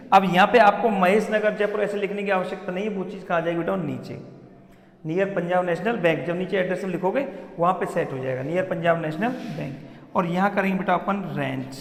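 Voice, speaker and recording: Male English teacher, Hindi accent, high voice, echoey classroom with long reverb. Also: fairly quick. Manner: addresses students as beta, repeats questions to the class. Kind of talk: classroom lesson at a board.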